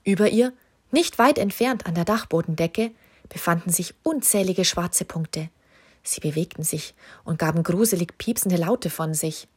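A woman calmly and expressively reading a children's story aloud as narrator. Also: lowish voice, moderate pace, breathy edge.

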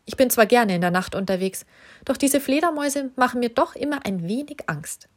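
A woman's voice: a little high, animated, brisk, pitched above the performer's own voice. A woman voicing a kind, protective king from a children's story who talks earnestly and is a little easily frightened. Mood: relieved. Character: kind, slightly fearful male king.

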